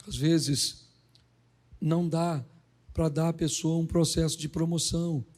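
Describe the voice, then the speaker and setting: A middle-aged pastor with a voice on the high side delivers a funny sermon. He acts out dialogue using quick, lively voices.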